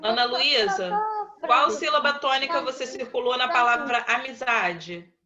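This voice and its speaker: Professora brasileira paciente, voz clara e brilhante. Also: female voice, high voice, pushed and bright, dull audio. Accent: Brazilian Portuguese. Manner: patient, slow, calls on pupils by name and repeats answers. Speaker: primary school teacher. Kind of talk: online class, quizzing pupils.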